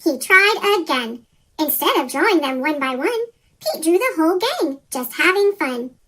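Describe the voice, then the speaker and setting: A reader of a rhyming children's picture book, voice pitch-shifted into a chipmunk effect, reading in a sing-song way. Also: sing-song, a little slow, pushed and bright, poor audio. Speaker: storybook reader.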